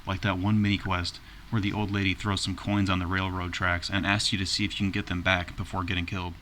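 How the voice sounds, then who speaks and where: A man's voice: low voice, little pitch movement, fast, sharp tone, a little hiss or hum. A man narrating a video game review in an informal, plainspoken way.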